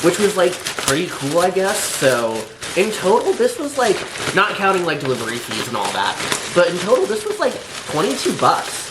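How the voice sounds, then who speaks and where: A hungover man gives a casual, unscripted food review, rambling, hesitant, dryly sardonic, and full of filler words. His high-pitched voice swoops wildly at normal speed with hardly any pauses. There's a roomy echo and faint background noise.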